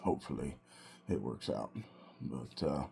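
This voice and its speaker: A man with a very low voice talks through a casual solo vlog. He takes his time, speaking slowly in short, broken phrases with a reflective, halting delivery. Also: animated, gravelly, over music. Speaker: vlogger and self-employed car restorer.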